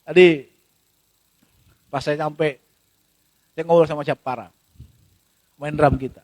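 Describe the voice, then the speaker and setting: A man's voice: fairly high pitch, steady tone, slow, a little mellow, a little hiss or hum. A male pastor in a church gives a sermon in a conversational, storytelling way, acting out bits of dialogue.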